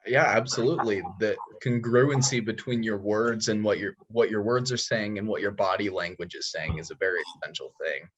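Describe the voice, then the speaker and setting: A man with a husky voice interviewing a guest, affirming points and asking measured questions with some hesitation. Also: on the low side, dull audio, a little hiss or hum.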